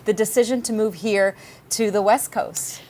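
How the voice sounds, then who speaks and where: A woman's voice: mid-range voice, moderate pace, a little mellow. A woman co-hosting a talk show, who introduces the guest and asks her questions in a chatty way.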